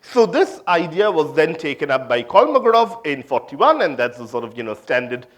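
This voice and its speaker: A man's voice: a little high, sing-song, normal speed, a bit bright. A man from India giving an academic conference talk on physics, hesitant, with many fillers and restarts. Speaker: physics lecturer.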